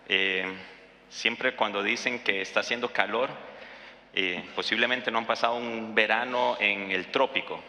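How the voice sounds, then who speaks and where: A Costa Rican pastor preaches conversationally, telling a story about his family and using fillers and tag questions. His voice is lowish, pushed and bright, and it echoes in a reverberant, big-room space.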